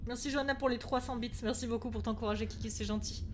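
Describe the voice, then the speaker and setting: A woman's voice: fairly high pitch, fairly even intonation, fast, noisy background. A woman streaming a horror game, panicking, swearing and shrieking at it between thanks to viewers.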